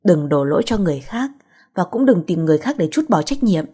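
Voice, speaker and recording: A woman's voice: fairly low pitch, big pitch swings, warm tone, husky. A woman voicing a composed, principled young married woman who speaks firmly. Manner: firm, measured.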